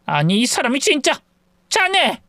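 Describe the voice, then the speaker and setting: A man's voice: extremely high pitch, animated, quick pace, a bit bright, clean tone, dry recording, pitched above the performer's own voice. A man voicing an angry middle-aged mother-in-law who scolds and demands sharply. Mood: furious scolding.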